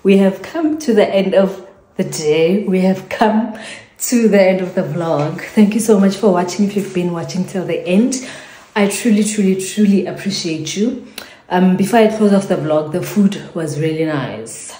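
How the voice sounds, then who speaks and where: A South African woman wraps up her home vlog in a chatty way, repeating her thanks and trailing off into fillers. Her voice is lowish and warm, at a normal speed, in an echoey room.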